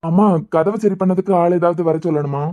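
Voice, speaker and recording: A woman's voice: on the low side, a little fast, mellow, natural voice. Woman voicing a bewildered young man. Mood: polite. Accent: Kanyakumari Tamil.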